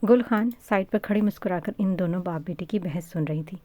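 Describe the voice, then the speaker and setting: A woman reads a romance story aloud in a steady, even manner. Her voice is low and dark, and the recording is dry and close. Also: no echo. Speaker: narrator. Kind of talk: scripted story narration.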